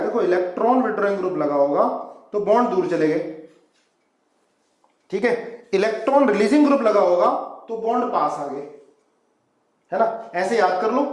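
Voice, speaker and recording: Guy teaching chemistry in hindi, kinda high voice, calls the kids beta, echoey classroom. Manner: coaxing, calls students "beta", asks them to follow along. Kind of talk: classroom lecture at a whiteboard.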